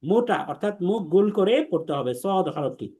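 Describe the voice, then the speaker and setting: A man's voice: high voice, animated, a little fast, mellow, husky. A man leads an online class on Arabic letters. He speaks patiently, stretching out each letter sound and repeating it for his students to copy. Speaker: Quran teacher.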